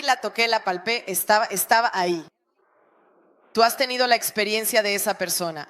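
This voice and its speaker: A woman's voice: fairly high pitch, a bit bright. Woman pastor preaching a sermon.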